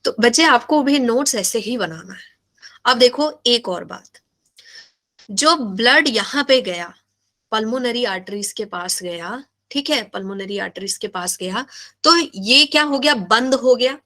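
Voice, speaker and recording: A woman's voice: a little high, lively intonation, measured pace, a bit bright. A woman teaching a biology class in Hindi-English, asking questions and repeating key terms. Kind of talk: live online class lecture.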